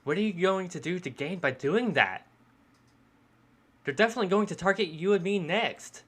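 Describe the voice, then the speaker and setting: Guy putting on a nervous young woman voice, pleading, pitched up. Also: expressive, moderate pace, fairly bright tone.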